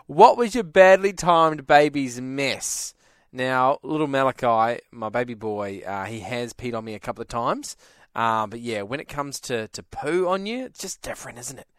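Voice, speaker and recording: A man's voice: fairly high pitch, a bit bright, clear, resonant tone, no echo, clean studio sound. A man hosting a radio talk show, chatty and laughing along with callers. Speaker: radio host. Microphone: studio microphone.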